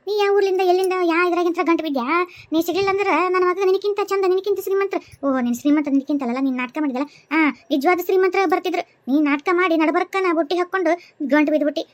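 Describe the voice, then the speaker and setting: A woman's voice: extremely high pitch, fast, no echo. A woman voicing a bitter, wailing old mother-in-law in a cartoon, speaking North Karnataka Kannada. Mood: scolding. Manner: scolding, cursing, wailing.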